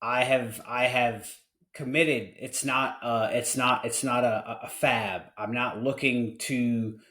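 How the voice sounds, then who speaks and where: Male podcast host, 40, mid-pitched, candid and earnest, trips over his own words and restarts a lot. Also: fairly even intonation, takes it slowly, a bit bright, roomy sound. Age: 40s. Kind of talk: casual podcast conversation.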